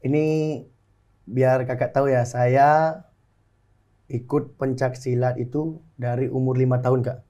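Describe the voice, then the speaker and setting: A Balinese soldier and pencak silat athlete in his twenties answers interview questions in an earnest, polite way, often adding "Kak" to his phrases. His mellow, medium-pitched voice is flat and unhurried, with long pauses. The sound is lo-fi.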